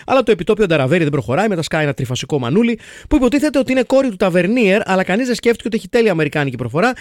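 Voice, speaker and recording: A man with a fairly high voice hosts a casual podcast, reading listener comments aloud with quick, joking asides. His voice sits close and dry, with no room sound behind it. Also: sing-song, no room sound. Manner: jokey, quick, mixes English phrases. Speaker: podcast host.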